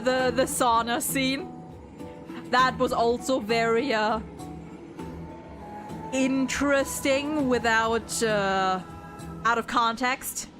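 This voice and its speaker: A woman giving casual live game commentary as a streamer, stammering and repeating her words as she reacts. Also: on the high side.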